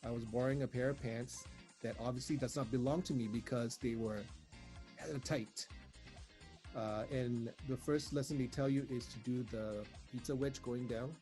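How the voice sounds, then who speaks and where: A man's voice: medium pitch, moderate pace. Man from Singapore, laid-back host, casual chatter, guitar music behind. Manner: relaxed and chatty, many uhs. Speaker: talk show host. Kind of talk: casual school talk show hosting.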